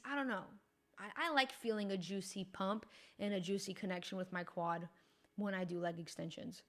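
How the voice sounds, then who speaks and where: Her voice fairly high and bright, a young female fitness coach walks through gym technique. She keeps it casual and instructional, with a friendly, lively, informal manner.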